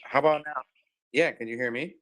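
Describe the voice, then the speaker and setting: A man walks through a casual tutorial at an even middle pitch, explaining loosely with plenty of fillers. His audio drops in and out over a bad online connection, and now and then he sounds farther from the open computer mic. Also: a little fast. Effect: bad connection, audio cutting in and out. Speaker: workshop instructor. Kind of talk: casual screen-share tutorial. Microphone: open computer mic on a video call.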